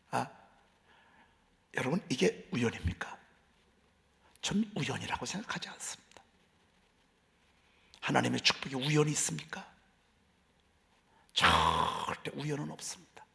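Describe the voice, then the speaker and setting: A middle-aged male pastor preaching a conversational dawn sermon in a church, asking the congregation questions and dropping from loud emphasis to near whisper. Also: fairly high pitch, vocal fry. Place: church sanctuary.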